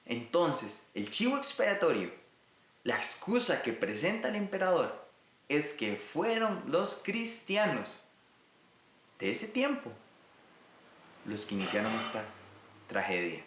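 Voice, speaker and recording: A man's voice: on the high side, big pitch swings, slow pace, pauses often, a bit bright, reverberant, a little hiss or hum. A man from Rica, teaching a recorded Bible lesson in an earnest way and speaking directly to his listeners. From Costa Rica.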